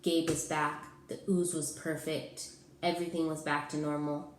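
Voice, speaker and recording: A woman teacher reading a picture book aloud to young children with gentle, expressive storytelling. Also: sits low, moderate pace. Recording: roomy echo, faint background noise.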